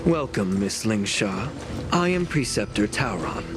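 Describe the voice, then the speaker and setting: A man voicing a proud, bitter elder preceptor in a video game, with formal, measured, sardonic speech. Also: lowish voice, very animated. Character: proud, bitter elder preceptor scheming for his dwindling clan. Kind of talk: scripted video game dialogue. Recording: game audio with music behind.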